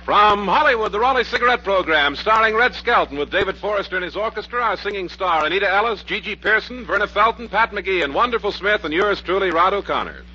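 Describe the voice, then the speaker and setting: A man's voice: high voice, lively intonation, fast talker, few pauses, pushed and bright, slightly rough. An American man in the formal, declamatory manner of an old radio announcer, reading a scripted broadcast. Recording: muffled 1940s radio recording, music behind.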